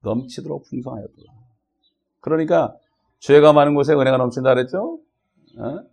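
A man's voice: fairly high pitch, a little fast, darkish tone. A man preaching a sermon in a conversational way, often checking with the congregation as he speaks. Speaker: pastor.

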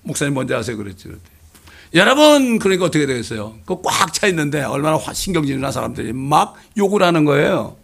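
A man preaching a fervent sermon as a pastor, swinging between loud exclamations and quiet asides. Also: on the high side, animated, quick pace, vocal fry.

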